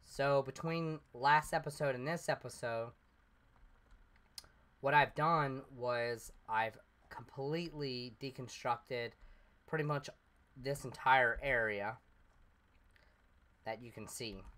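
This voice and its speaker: A let's play host with a medium-pitched, fairly bright voice talks slowly over his gameplay, pausing often. He rambles casually, explaining things step by step with plenty of fillers. He sounds a little congested, as he's still recovering from being sick.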